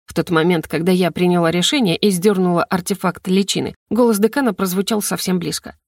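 A woman reading a first-person fantasy audiobook in a lively, playful way. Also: on the low side, a little fast, dry recording, clean studio sound. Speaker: audiobook narrator.

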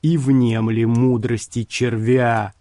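A man's voice: medium pitch, little pitch movement, takes it slowly, dry recording, natural voice. A man voicing a raging warlock. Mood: commanding. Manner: commanding, shouted, drawn out. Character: sinister male warlock summoning a worm.

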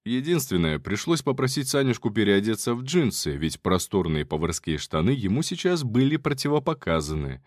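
A man's voice: lowish voice, sing-song, moderate pace, few pauses, no echo, studio quality. A man giving casual first-person audiobook narration in a wry, colloquial manner.

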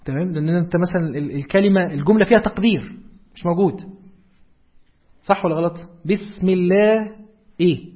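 A man's voice: sits high, quick pace, long pauses, husky, dull audio. A man with an Egyptian Arabic accent giving a religious lecture, explaining step by step and asking his listeners rhetorical questions. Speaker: preacher.

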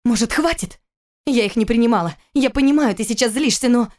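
A woman's voice: a little high, a little fast, darkish tone, voice pushed up, natural voice. A woman voicing a distraught pregnant young wife in an audiobook, pleading in a raised, shaken voice. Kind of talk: audiobook character reading.

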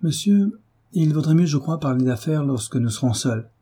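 A man's voice: a little high, lively intonation, normal speed, warm tone, husky, pitched above the performer's own voice. A man voicing a composed young wife who answers politely and firmly in an audiobook reading. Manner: restrained, polite, firm.

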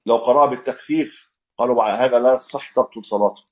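With a mid-range, darkish voice delivered very fast, a sheikh teaches a fiqh text; the recording has its highs cut off and a little hiss or hum. He works through the lesson step by step, showing how to recite correctly.

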